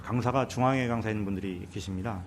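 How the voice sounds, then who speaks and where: Male civil servant, lowish pitch, formal and deferential meeting answers that restart now and then, light background noise. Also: fast talker. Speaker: department head, senior welfare official.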